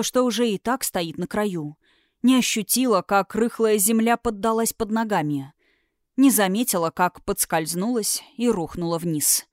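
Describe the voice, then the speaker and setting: A woman narrating a fantasy audiobook in a dramatic, expressive way, getting louder at tense moments. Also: medium pitch, no room sound, studio quality.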